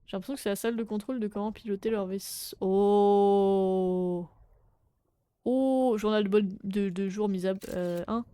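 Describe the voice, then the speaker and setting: A young adult woman streaming a game, chatting casually with viewers in French, swearing and breaking into sudden loud exclamations. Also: mid-range voice, steady tone, normal speed, clear, resonant tone. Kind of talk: casual live game commentary.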